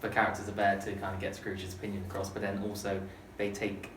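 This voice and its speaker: A man teacher chatting casually about a novel, relaxed and rambling with many fillers. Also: sits low, quick pace. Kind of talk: casual literature lesson chat. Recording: roomy, distant mic, clear background noise.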